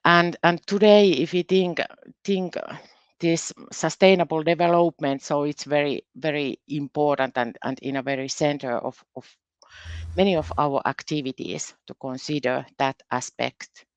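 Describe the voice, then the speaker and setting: Speaking with a Finnish accent, this research specialist from a Finnish university presents at a conference cautiously and haltingly, frequently repeating words; Finnish is her native tongue. She has a deep, clear, resonant voice with fairly even intonation, in dry, lo-fi audio.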